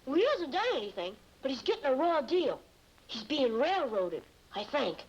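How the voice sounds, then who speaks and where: An actor playing an earnest, slangy American schoolboy who leads a kids' gang in a 1950s TV detective drama. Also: male voice, very high-pitched, big pitch swings, moderate pace, slightly rough, exaggerated voice. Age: child or young teen. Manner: earnest, slangy, polite boyish. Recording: muffled vintage TV soundtrack, faint noise.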